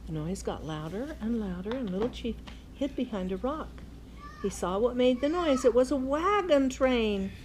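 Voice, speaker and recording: An older woman, playing a grandmother, reads a children's bedtime story aloud with plenty of expression. Her voice is a little high and her pace normal. The recording is noisy.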